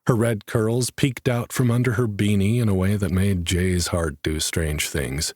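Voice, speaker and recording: A man narrates an audiobook in a low, slightly husky voice. His reading is dry and wry. The studio sound is close with no room echo. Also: fairly even intonation, a little slow, a little mellow.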